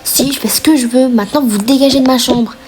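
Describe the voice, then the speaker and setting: A woman voicing a bossy, defiant teenage girl who shouts high and angry. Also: fairly even intonation, quick pace, noisy background, natural voice. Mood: angry shouting. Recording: music playing under the voice.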